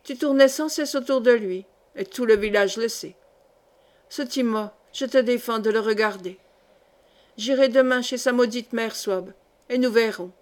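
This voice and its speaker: A woman's voice: on the high side, moderate pace, close to an everyday voice. A woman reading the part of a quarrelsome, boastful village man who talks with scorn and bluster, in an audiobook. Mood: scornful.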